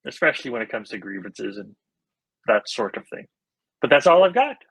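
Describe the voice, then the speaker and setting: A man's voice: mid-range voice, big pitch swings, brisk, a bit bright, breathy edge, rough recording. A man co-hosting a podcast in casual chat, explaining things in an earnest, easygoing way. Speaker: podcast co-host.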